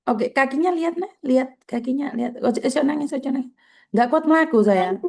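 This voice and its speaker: Wanita beraksen Jawa, menenangkan dan mendesak. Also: female voice, high-pitched, a little fast, vocal fry, darkish tone. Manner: soothing, urgent, repeats words. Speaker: host advising migrant workers. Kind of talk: emotional video call.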